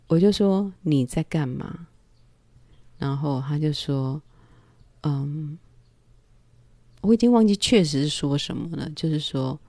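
A woman, telling a personal story at home in a calm, hesitant way with many pauses and fillers. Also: low-pitched, no echo. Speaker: vlogger.

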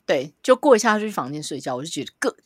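A woman's voice: fairly low pitch, racing, breathy edge, no echo, clean studio sound. A woman co-hosting a podcast in casual chat, telling stories and laughing a lot. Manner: lively, laughs a lot, storytelling. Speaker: podcast co-host. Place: small wooden-walled room at home.

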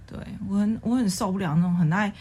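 A young woman, chatting casually as a co-host in a calm, quiet, measured way and airing mild complaints. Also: medium pitch, breathy edge. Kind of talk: casual chat.

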